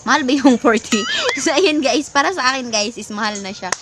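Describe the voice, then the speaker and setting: A chatty woman with a Filipino accent talks through a casual vlog in a slightly high voice. She leans on fillers and jumps between languages. Steady background noise runs under the recording. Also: fairly quick. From Philippines. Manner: chatty, mixes English into Tagalog, many fillers, laughs often. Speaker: plant vlogger.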